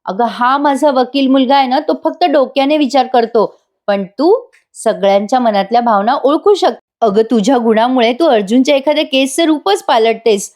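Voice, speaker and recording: A woman's voice: high voice, normal speed, a little mellow, voice pushed up, natural voice. A woman voicing a kind, reassuring middle-aged mother-in-law, read as part of a voice-over review. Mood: affectionate. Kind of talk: voice-over review re-enacting serial dialogue.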